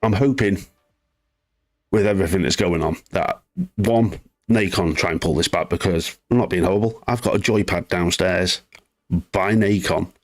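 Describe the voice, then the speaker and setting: Low-voiced man chatting on a stream. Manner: chatty, reads chat aloud, rambling asides. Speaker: gaming news livestream host. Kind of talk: casual live-stream commentary.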